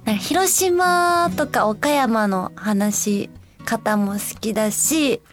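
Taking it slowly, an Osaka-born young woman reads listener letters on her easygoing radio show. Her voice is high and light, her chat friendly and dotted with soft fillers as she muses aloud, while faint background music plays.

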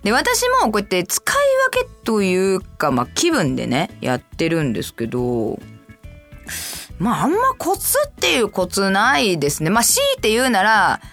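A woman radio host from Kansai, speaking standard Japanese with a light Kansai accent, chatting casually and answering listener letters in a lively, playful way. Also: moderate pace, soft background music. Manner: chatty, animated, jumps to high playful asides. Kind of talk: casual solo radio talk.

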